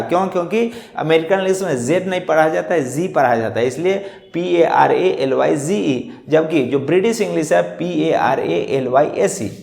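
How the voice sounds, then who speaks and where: A man's voice: a little high, vocal fry, a little mellow. A man teaching an English lesson, spelling words out letter by letter and asking and answering his own questions. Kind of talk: classroom-style lesson. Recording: echoey room.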